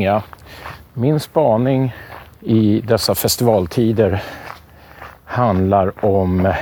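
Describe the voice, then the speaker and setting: A man hosting a podcast in relaxed, rambling casual chat, often hesitating. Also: lowish voice, slight background noise. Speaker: podcast host.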